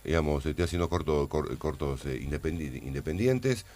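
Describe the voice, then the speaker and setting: An Argentine man, an actor in a casual interview, who speaks haltingly and often repeats words while searching for them. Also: rumbling low, animated, darkish tone. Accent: Argentine Spanish.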